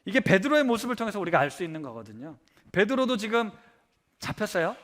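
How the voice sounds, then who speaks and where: Man, pastor, high-pitched, animated sermon delivery in a church hall. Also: fast talker. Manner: animated preaching, acts out imagined complaints in quotes.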